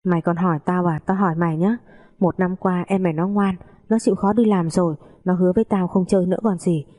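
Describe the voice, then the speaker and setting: Storybook mother-in-law, older woman, suspicious and accusing, mellow husky tone, read by a woman narrator. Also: steady tone, fast talker, natural voice. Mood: angry. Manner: shrill, accusing scolding.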